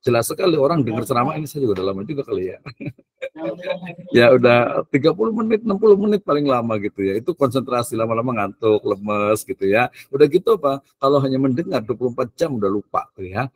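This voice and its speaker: A man's voice: medium pitch, animated, fast, slightly rough, dry recording. A male university lecturer giving a casual, joking lecture, with chatty filler tags and English phrases mixed in.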